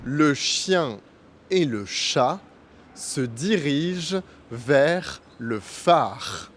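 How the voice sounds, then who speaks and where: A man teaching pronunciation in a slow, scripted lesson, articulating each sound with care. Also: fairly high pitch, expressive, a little hiss or hum. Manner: careful, deliberate articulation. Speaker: French teacher.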